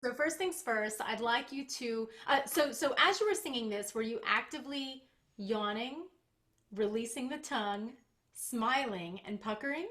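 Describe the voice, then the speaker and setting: A woman's voice: on the high side, moderate pace, fairly bright tone. A woman voice teacher coaching a singer in an online master class over a video call, explaining technique with small demonstrations.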